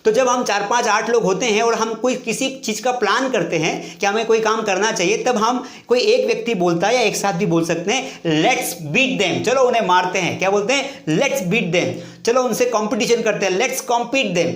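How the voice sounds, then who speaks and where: A man's voice: sits high, normal speed, few pauses, a bit bright. A man teaching an English lesson to students he calls dear children, often asking a question and then answering it himself and repeating key points. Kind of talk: classroom lesson. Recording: echoey room.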